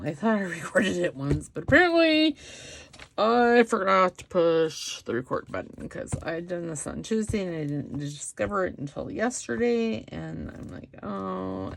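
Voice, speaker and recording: A middle-aged woman talks through a craft project at home, with a slow, easygoing delivery and a gravelly catch in her voice. She chats with viewers and throws in self-deprecating remarks as she works. The recording carries a clear layer of background noise. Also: fairly low pitch. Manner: chatty, self-deprecating asides while working. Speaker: craft channel host. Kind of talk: casual craft tutorial.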